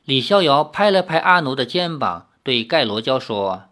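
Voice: mid-range voice, very animated, moderate pace, a bit bright. A narrator reading a fantasy novel aloud as an audiobook.

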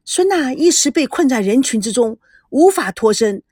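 A woman reads a story aloud in a bright, fairly high voice. Her pitch swoops widely and expressively. The sound is dry and close. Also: big pitch swings, moderate pace, no room sound. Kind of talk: scripted narration.

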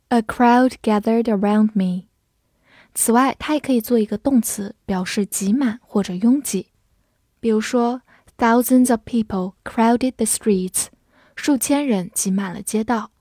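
A woman teaching English vocabulary, spelling words out letter by letter and reading example sentences slowly for students to repeat. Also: mid-range voice, darkish tone, no room sound, studio quality. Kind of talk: vocabulary lesson.

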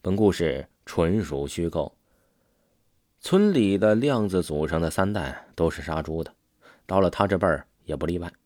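Man, storyteller, ghost story, low voice, dry close sound. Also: expressive, moderate pace, darkish tone, no echo.

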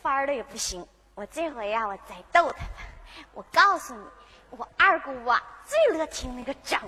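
A woman's voice: high voice, lively intonation, sharp tone, breathy edge, full character voice. A woman with a Northeastern Chinese accent playing a cheeky young maid in a folk stage comedy, rattling off comic rhymes. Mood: teasing. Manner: comic, rapid rhyming patter. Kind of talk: folk stage duet acting and sung patter.

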